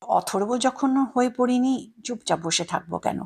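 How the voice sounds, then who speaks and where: A soft-spoken elderly schoolteacher, humble and unhurried, her voice a little breathy, as a woman storyteller puts her on. Her pitch sits lower than the narration around her. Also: exaggerated voice. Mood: earnest.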